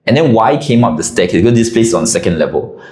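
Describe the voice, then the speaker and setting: A man telling a casual anecdote with an animated, expressive delivery. His pitch moves around a lot as he talks. The recording has a noticeable roomy echo. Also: fast talker. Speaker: storyteller. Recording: echoey room.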